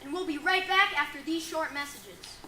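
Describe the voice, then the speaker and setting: A chipper dating-show host, played by a woman, chirps along in a very high, bright voice with a bubbly, announcer-like lilt. The room around her gives a noticeable echo. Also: lively intonation, normal speed. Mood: perky. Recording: roomy echo, faint noise.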